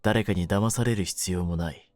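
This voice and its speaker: A young-adult voice actor addresses the listener in a Japanese situation-voice audio drama as a jaded, domineering, secretly tender mafia kidnapper. Low-pitched, rough and deliberately cool, his darkish tone turns tender and persuasive, lightly acted in studio-quality audio with no room sound.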